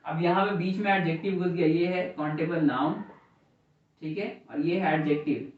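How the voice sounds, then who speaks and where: A man's voice: on the high side, steady tone, moderate pace. Man teaching grammar in an echoey classroom. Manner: asks the class questions and repeats answers. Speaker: English teacher. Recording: echoey classroom from far off, dull.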